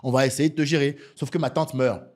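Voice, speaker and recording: A man's voice: mid-range voice, steady tone, quick pace, a little mellow. Emphatic French-Beninese man telling a story. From France and Benin. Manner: emphatic storyteller using street slang. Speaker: comedian. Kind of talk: casual interview conversation.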